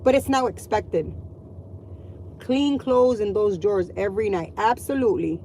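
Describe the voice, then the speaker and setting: A woman's voice: medium pitch, moderate pace, mellow, slight background noise, poor audio. A middle-aged woman and mother venting to her viewers in a blunt, profane, exasperated rant. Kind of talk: ranting vlog monologue.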